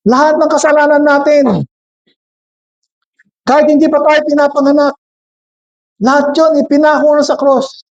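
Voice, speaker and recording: A man's voice: very high-pitched, little pitch movement, normal speed, long pauses, highs cut off. A man with a Filipino accent preaching a sermon, switching between Tagalog and English, questioning and joking with the congregation. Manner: jokes with the congregation.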